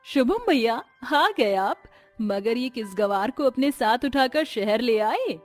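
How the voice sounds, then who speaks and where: A woman's voice: on the high side, expressive, slow pace, faint music behind. A woman voicing a snobbish young city sister-in-law who sneers at the new bride. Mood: sneering.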